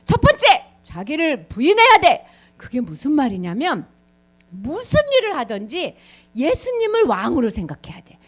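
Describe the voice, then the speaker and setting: A woman's voice: high voice, moderate pace. A woman pastor giving a children's sermon, asking the kids questions as she tells the story. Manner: animated, quizzes the children.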